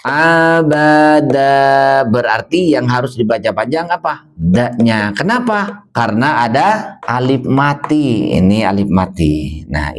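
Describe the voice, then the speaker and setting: Man teaching Quran reading, self-questioning. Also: medium pitch. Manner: asks questions then answers them himself; drawls words slowly when modelling recitation. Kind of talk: beginner Quran reading lesson.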